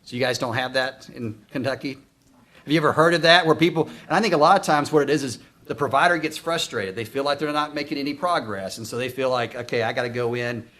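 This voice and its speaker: Talking fast in a medium-pitched, bright, forceful voice, a middle-aged Arkansas instructor runs a conference workshop. He keeps it conversational, putting questions to the audience and repeating their answers back, in an accent from Arkansas, United States. A distant mic gives a roomy sound with faint noise in the conference room.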